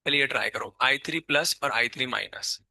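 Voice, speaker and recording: A man's voice: medium pitch, fairly quick, creaky, sharp tone, no echo. A man teaching a live chemistry class with a sore, strained throat, constantly quizzing his students and scolding them.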